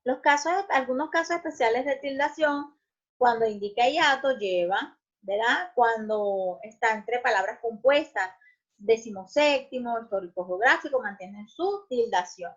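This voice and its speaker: A woman teacher explaining grammar, checking in often with short questions and filling pauses with "este". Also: fairly high pitch. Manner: explanatory, checks in with "¿ok?" and "¿verdad?", frequent restarts and "este" fillers. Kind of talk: recorded grammar lesson. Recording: muffled lo-fi recording.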